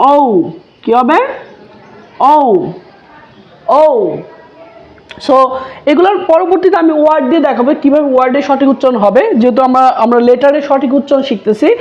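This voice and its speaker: A woman's voice: sits high, darkish tone, dull audio. A woman teaching letter sounds, saying each one twice and then asking and answering her own questions. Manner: slow, repeats each sound twice, asks and answers herself. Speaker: English teacher. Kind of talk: teaching lesson.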